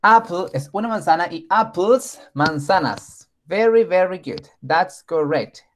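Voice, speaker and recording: Slow, patient male teacher. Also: high-pitched, expressive, slight background noise. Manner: slow, patient, praising often. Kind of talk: online class for young children.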